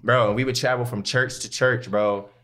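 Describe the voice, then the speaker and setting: An American man speaks in a mid-range voice, casually and openly. His talk is loose and slangy, as in a relaxed conversation among friends who make music. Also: medium pitch, normal speed. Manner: slangy, candid, peppered with "bro" and "you know". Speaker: musician, rapper. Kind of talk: casual podcast-style chat.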